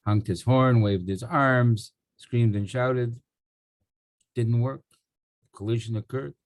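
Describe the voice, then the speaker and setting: Gravelly man giving a Torah talk. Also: mid-range voice, a little mellow, no room sound. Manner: loose storytelling with fillers. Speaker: Torah teacher. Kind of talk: weekly Torah talk with stories.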